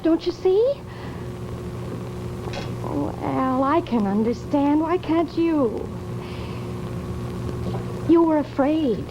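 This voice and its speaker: An actress playing a tender, concerned younger sister who pleads and reasons earnestly in 1950s television drama style. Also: female voice, high voice. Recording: muffled, noisy old television soundtrack.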